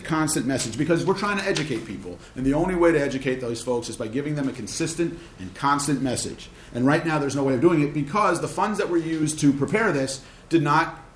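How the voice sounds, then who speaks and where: A man testifying as a county representative before a committee, speaking in a rapid, urgent way with restarts. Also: a little high, slight background noise. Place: hearing room. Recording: roomy hearing room echo.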